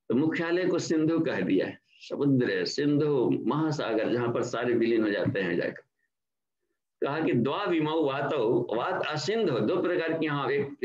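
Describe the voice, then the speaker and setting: An older man from India, giving a slow, explanatory devotional lecture as a spiritual trainer and slipping English words into his talk. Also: medium pitch. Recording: dull, echoey online class audio.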